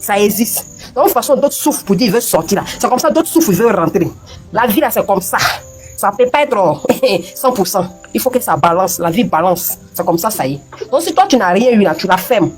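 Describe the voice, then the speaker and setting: A woman's voice: medium pitch, expressive, a little fast, darkish tone, faint music behind. A woman speaking on a live stream, emphatically lecturing in repeated phrases. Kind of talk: lively live stream chat.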